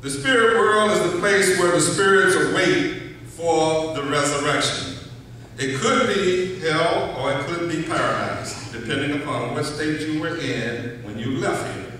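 A middle-aged man preaches from the pulpit, teaching steadily and slowing down on key words. His voice is bright and a little high for a man, with plenty of ring. He is picked up from the back of a large sanctuary, so long reverb and a faint room hush surround every word. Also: a little hiss or hum. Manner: measured teaching delivery, slows for emphasis, occasional restarts. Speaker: pastor. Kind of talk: sermon. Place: large church sanctuary, indoors. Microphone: far camera at back of church. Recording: echoey church hall from far off.

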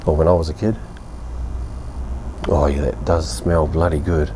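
A bass voice with flat delivery and an unhurried pace comes through over background noise. The man, in his fifties with a New Zealand accent, casually reviews a beer at his outdoor home bar, laid-back, blunt and rambling with fillers and mild curses.

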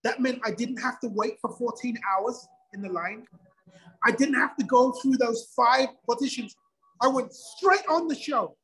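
Man telling his story with a husky voice. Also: very high-pitched, moderate pace, low-quality recording. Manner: animated storyteller, acts out quoted dialogue. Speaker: guest. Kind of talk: casual interview storytelling.

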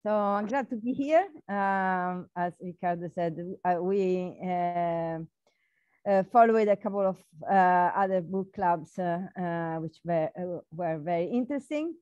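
Italian accent lady, slow and halting, dull dry call audio. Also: fairly low pitch, darkish tone, clear, resonant tone, no room sound. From Italy. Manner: slow, many "uh" fillers. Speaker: book club participant. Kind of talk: casual self-introduction on a video call. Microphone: video call.

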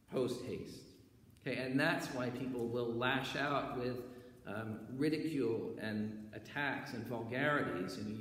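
A man preaching a sermon as pastor, in a conversational way, often checking in with "right?" and "okay". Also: medium pitch. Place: church sanctuary. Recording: echoey church hall with faint background noise.

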